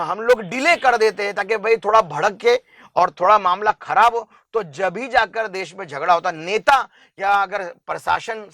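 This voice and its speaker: A man with a high, bright, sharp-edged voice speaks as an interview guest making a heartfelt public appeal. He is earnest and emphatic, hammering his point with long lists. His voice is recorded dry and close. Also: dry recording. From India.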